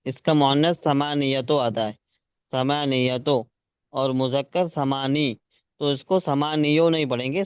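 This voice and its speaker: A man's voice: medium pitch, clean tone, dry recording, clean studio sound. A man teaching Arabic grammar. He repeats key words for his students. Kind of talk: classroom lesson, explaining grammar.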